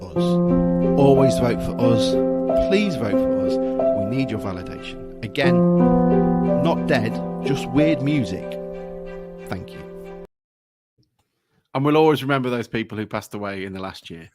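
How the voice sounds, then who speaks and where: A man's voice: medium pitch, animated, measured pace, pauses often, music in the background. A man from England hosting a football podcast, chatting casually, laughing often and swearing now and then. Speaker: podcast host. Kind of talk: casual podcast chat with a read presentation segment.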